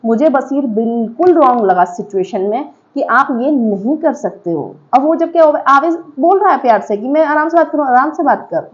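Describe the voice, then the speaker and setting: A woman's voice: fairly high pitch, expressive, normal speed, few pauses, lo-fi sound. A woman giving casual, emphatic opinion commentary to viewers on a reality show, slipping in English words and checking in with her listeners.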